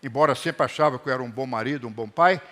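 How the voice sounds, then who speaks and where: A middle-aged man preaching a sermon to his congregation in a church hall, animated and calling for responses. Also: mid-range voice, quick pace. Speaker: pastor.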